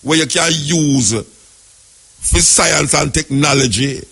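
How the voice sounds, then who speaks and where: A man's voice: a little high, slow, gravelly, a bit bright, husky. A man with a Jamaican accent hosting a radio call-in show, opinionated and rambling, often repeating his words. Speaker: radio talk show host.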